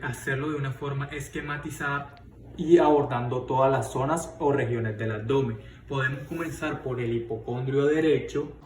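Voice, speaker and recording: A man explaining an abdominal examination as a lesson, often pausing with fillers and restarting words. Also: medium pitch, a little mellow. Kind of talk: medical demonstration lesson. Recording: roomy, distant mic with faint noise.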